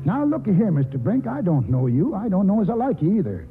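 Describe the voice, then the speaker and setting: A man's voice: high-pitched, very animated, quick pace, music in the background. An actor playing a stubborn, folksy grandfather near eighty who stammers when riled, in a 1940s radio drama over a tinny old broadcast. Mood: puzzled. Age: older.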